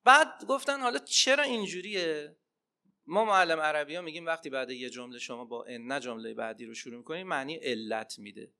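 Impassioned male preacher, bright voice. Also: medium pitch, expressive, gravelly, hardly any pauses, clean tone. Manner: impassioned, swinging between loud emphatic cries and hushed asides. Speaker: preacher and Arabic teacher. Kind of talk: religious sermon with storytelling.

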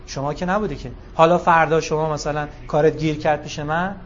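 Male preacher, higher voice, lively storytelling emphasis, dull lo-fi recording with faint hiss. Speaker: religious speaker. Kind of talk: sermon with storytelling.

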